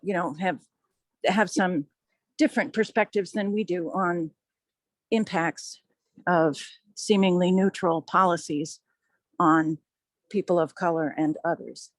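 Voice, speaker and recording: A woman judge in a meeting, talking over a phone line in a measured, polite, explanatory way. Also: fairly low pitch, no room sound. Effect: heard over a phone line. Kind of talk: meeting discussion.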